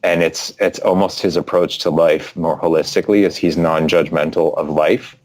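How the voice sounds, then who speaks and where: A man's voice: deep voice, fairly even intonation, moderate pace, darkish tone. A man being interviewed as a guest, telling a personal story in a reflective way with frequent fillers. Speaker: guest author. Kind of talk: interview conversation.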